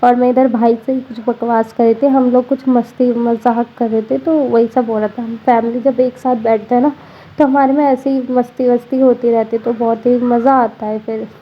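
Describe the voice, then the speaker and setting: A woman's voice: on the high side, level tone, normal speed, husky, lo-fi sound. A tired young woman with a slight cold, narrating her daily vlog in a chatty voice-over full of fillers. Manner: chatty, frequent fillers like 'matlab'. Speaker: vlogger. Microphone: voice-over recorded separately.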